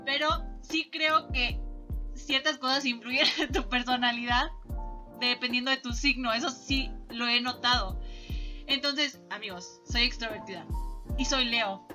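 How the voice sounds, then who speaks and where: A young woman with a Mexican accent, co-hosting a casual chat podcast, bubbly and quick to laugh. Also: high voice, sharp tone, faint music behind. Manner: bubbly, laughs often, slangy filler "o sea". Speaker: podcast co-host.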